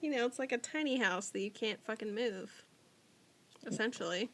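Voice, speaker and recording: A woman co-hosting a podcast in casual chat, animated and swearing casually. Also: fairly high pitch, normal speed. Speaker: podcast co-host.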